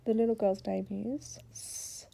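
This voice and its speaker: A woman with a husky voice, prompting and encouraging a small child through reading in a casual way. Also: mid-range voice, little pitch movement, unhurried, mellow. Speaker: adult helping a young child learn to read. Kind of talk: casual coaching of a beginner reader. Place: indoors at home, cluttered room.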